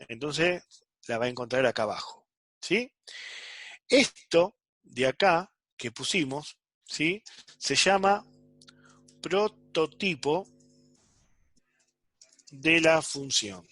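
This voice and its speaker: Animated and a little slow, a man with a slightly high, pushed and bright voice teaches a programming class online on a dry recording. He keeps checking on his students after almost every phrase, asking "¿sí?" and "¿está?" frequently.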